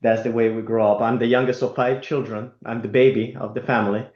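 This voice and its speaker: A man from Italy, speaking as an interview guest in a halting way with many fillers and restarts. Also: mid-range voice, level tone. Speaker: guest, company executive. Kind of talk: conversational interview. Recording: roomy, dull lo-fi remote audio.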